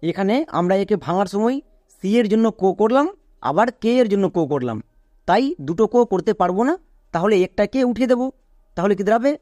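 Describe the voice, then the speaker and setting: Man, high voice, patient step-by-step teacher, spells words letter by letter, dry close sound. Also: expressive, quick pace, a little mellow, no room sound. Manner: patient, step-by-step explaining with repeated rules. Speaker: English teacher. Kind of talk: online phonics lesson.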